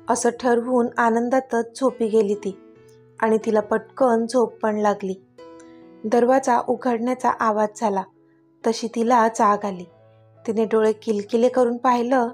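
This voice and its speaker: A woman narrates a serialized romance with a gentle, emotive delivery and a somewhat high voice. Faint background music plays beneath her reading. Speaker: storyteller.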